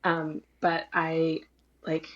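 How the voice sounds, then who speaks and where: Young woman violist, low voice, giggly, dull audio. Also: monotone, extremely slow. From northern Idaho. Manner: giggly, hesitant with "um"s. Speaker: violist, guest. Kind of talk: casual interview talk.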